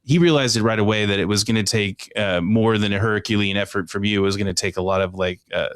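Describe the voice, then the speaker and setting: A man in his thirties from Oklahoma, a guest candidate chatting in a podcast studio with quick restarts and fillers. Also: lowish voice, steady tone, fairly bright tone, no echo. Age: 30s. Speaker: city council candidate, guest. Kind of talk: casual podcast conversation.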